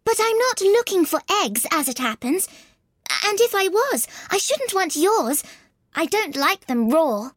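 Storybook little girl, played by a woman: high, lively pitch, polite, puzzled, earnest and a touch prim. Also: unhurried, no echo, studio quality, full character voice. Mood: hasty, defensive. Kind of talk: dramatized storybook reading.

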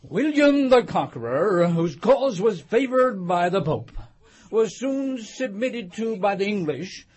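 A man doing a husky pompous lecturing mouse. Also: high-pitched, very animated, a little mellow, full character voice. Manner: dry, lecturing, drawn-out delivery.

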